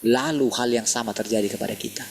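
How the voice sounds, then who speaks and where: A man's voice: mid-range voice, fairly even intonation, fast talker, vocal fry, a little hiss or hum. A man preaching a sermon, calling his listeners "saudara" and asking many rhetorical questions.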